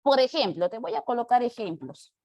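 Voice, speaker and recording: A woman's voice: on the high side, very animated, normal speed, a little mellow. A woman teaching a grammar class, explaining step by step and asking the students questions. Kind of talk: classroom lecture.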